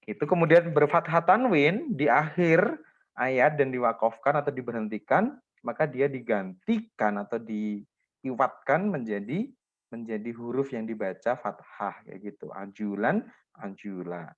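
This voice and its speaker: A man teaches a class the rules of Quran recitation, walking through examples and stopping often to check that his students follow. His voice sits at an ordinary middle pitch. The recording is a little dull and lo-fi. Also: expressive, measured pace. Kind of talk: classroom lesson on tajwid rules.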